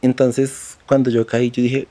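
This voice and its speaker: A man's voice: mid-range voice, little pitch movement, unhurried, dark tone. A Colombian man recounting a personal ordeal for a documentary podcast, vivid and profane, acting out his own quotes. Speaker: interviewee, skydiver.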